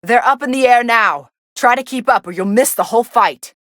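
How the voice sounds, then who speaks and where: A woman playing a cool, sardonic young female android who commentates on fights in a video game, deadpan, dry and aloof. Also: fairly high pitch, moderate pace, no room sound, lightly acted. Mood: surprised.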